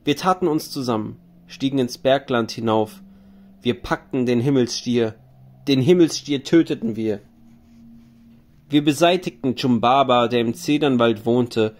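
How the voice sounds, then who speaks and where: A man's voice: mid-range voice, measured pace, darkish tone, lightly acted. A man reading a grieving hero king. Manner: solemn, lamenting recitation. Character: grieving male hero king, weary wanderer.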